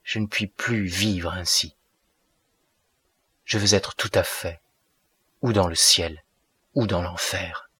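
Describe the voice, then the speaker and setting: A man's voice: low-pitched, steady tone, slow pace, long pauses, pushed and bright, husky, dry recording, full character voice. A man reading as a tormented young lover. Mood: despairing.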